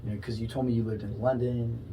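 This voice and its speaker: Musing podcast host, mid-pitch voice. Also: little pitch movement, fast, far from the mic, noisy background. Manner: musing, rambling, many fillers. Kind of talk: casual interview chat. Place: podcast studio.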